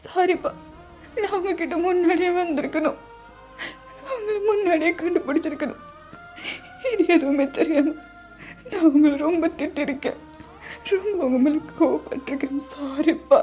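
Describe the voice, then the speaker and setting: Lady putting on a higher teary daughter voice, crying and pleading, mellow tone, faint music. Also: unhurried, pauses often. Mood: tearful. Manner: weepy, pleading. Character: young adult daughter, tearful and devoted.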